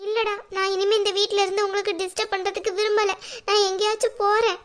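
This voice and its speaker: A woman voicing a scheming mother-in-law, very high voice, sharp-tongued, theatrical, cartoon. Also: lively intonation, a little fast. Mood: wailing. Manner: scolding, then wailing dramatically. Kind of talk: cartoon dubbing.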